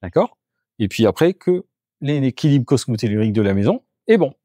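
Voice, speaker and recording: With a sing-song, dark-toned mid-range voice at normal speed, a man gives an on-the-spot demonstration of an energy clearing as a geobiologist. He walks through the rooms of a house explaining each step to the camera; the sound is clean studio quality with no echo.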